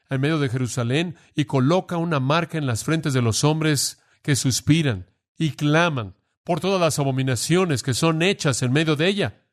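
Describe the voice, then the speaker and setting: A man preaching a sermon, earnest and pressing, asking the listeners direct questions. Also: mid-range voice.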